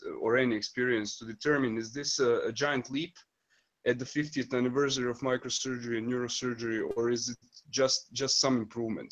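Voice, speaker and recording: A man asking polite interview questions in a hesitant, roundabout way. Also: medium pitch.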